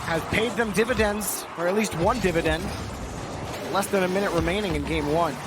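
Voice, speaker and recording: A man's voice: high-pitched, brisk, very noisy. A man doing esports play-by-play commentary as a caster, calling the action in clipped phrases.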